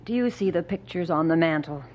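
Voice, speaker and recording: An actress playing a pious older widow in an old radio show, calm and earnest, reading scripture solemnly. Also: female voice, lowish voice, brisk, a little hiss or hum. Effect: old radio show broadcast. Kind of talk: 1950s radio drama acting.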